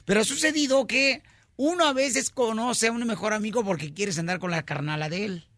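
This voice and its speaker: A man hosting a comic morning radio show, loud, playful and full of slang. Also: high voice, brisk, dry recording, clean studio sound. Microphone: studio microphone.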